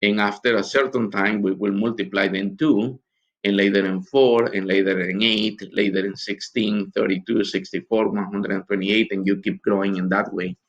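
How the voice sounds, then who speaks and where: A man from Guatemala, a missionary giving a recorded conference teaching talk in an earnest, halting way with many pauses. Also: on the low side, steady tone, dull audio.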